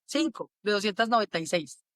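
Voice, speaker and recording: Animated Colombian woman telling stories. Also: medium pitch, fairly quick, dry recording, studio quality. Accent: Colombian, Quindío. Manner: animated, acts out quotes, sings la la. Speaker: army sergeant major, guest. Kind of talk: casual storytelling interview.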